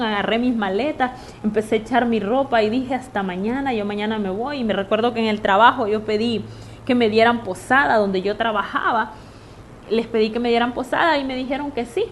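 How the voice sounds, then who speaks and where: A fairly high-voiced woman shares her own testimony as a sermon. She talks straight to the listener, earnest and insistent, and circles back to repeat her key lines. A faint hiss sits under her voice. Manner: earnest, repetitive, direct address to listener. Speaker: preacher giving testimony.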